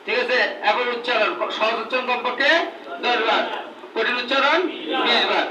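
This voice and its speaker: High-voiced man drilling a class. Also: moderate pace, a crowd in the background. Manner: repeats questions, drills a group. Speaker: Quran reading teacher training instructors. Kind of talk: classroom drill with call and response. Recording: echoey room, mic far off, noisy.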